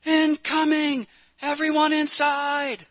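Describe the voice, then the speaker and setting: A man's voice: fairly high pitch, moderate pace, bright, forceful tone. A man voicing a devout young woman nurse who speaks earnestly and resolutely. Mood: shouting.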